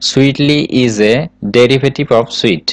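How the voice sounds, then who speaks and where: A man with a Bangladeshi accent reads out exam questions and their answers one by one, at a very slow and deliberate pace. His voice sits at an ordinary middle pitch. It is recorded close and dry, with no room sound. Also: no room sound, rough recording. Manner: slow, steady question-and-answer recitation mixing Bengali explanations. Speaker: exam tutor. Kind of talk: reading quiz answers aloud.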